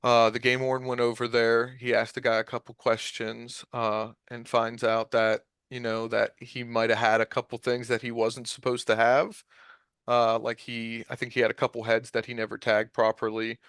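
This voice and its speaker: A man's voice: mid-range voice, completely flat delivery, normal speed, fairly bright tone, clean tone, dry recording. A man in his twenties, a guest on a podcast, telling a hunting story in a casual, rambling way with lots of fillers. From Ohio. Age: 20s. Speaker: podcast guest, deer recovery drone operator.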